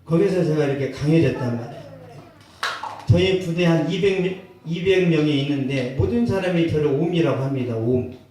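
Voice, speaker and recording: A male pastor preaching a sermon, telling a personal story with acted quotes and bursts of loud emphasis. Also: a little high, fairly quick, far from the mic, slight background noise. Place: church sanctuary. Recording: echoey church hall, mic from afar.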